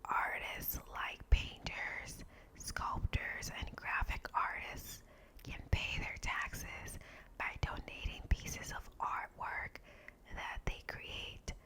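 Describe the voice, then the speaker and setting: A woman whispering in a breathy, unvoiced ASMR style as she hosts and reads out short facts. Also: slow pace, poor audio. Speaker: ASMR video host.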